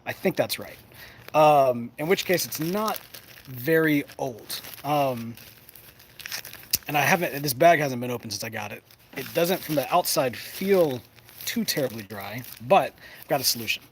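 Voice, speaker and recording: The host of a pipe smoking show talks casually to camera in a mid-range, animated voice at a measured pace. He's folksy and playful, often rambling and dropping thoughts halfway. The recording is clear, with some ambient background noise.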